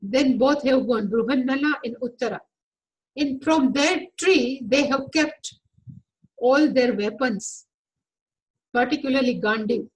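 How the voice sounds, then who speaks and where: A woman's voice: high voice, measured pace, pauses often, poor audio. A woman spiritual teacher giving a scripture lecture, patiently explaining and glossing Sanskrit terms as she retells an old story.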